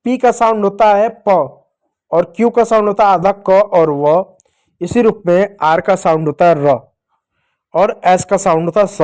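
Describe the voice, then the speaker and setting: With a high-pitched, somewhat dark tone, a man explains English phonics to a class of children. He patiently asks them questions and supplies the answers.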